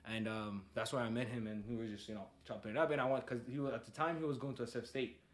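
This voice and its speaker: A man's voice: mid-range voice, fast talker. A young man from Ethiopia, a soccer coach and podcast guest, talking casually with a lot of fillers. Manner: relaxed, many fillers and "like". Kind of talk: casual conversation. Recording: faint background noise.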